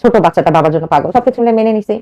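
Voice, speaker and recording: A woman's voice: medium pitch, lively intonation, racing, dark tone. A woman in her thirties from Bangladesh telling a radio host her own life story in an earnest, urgent way, acting out the quoted dialogue as she goes. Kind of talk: emotional personal storytelling.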